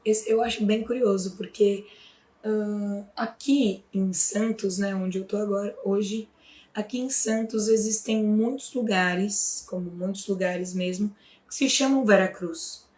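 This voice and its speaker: A young Brazilian woman explains things to her students in a relaxed, chatty way, with a Brazilian Portuguese accent and plenty of little check-in questions. Her mid-pitched voice rings around a bare, echoey room. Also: unhurried. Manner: chatty, frequent tag questions and fillers. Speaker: Portuguese teacher. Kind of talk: casual explanatory lesson.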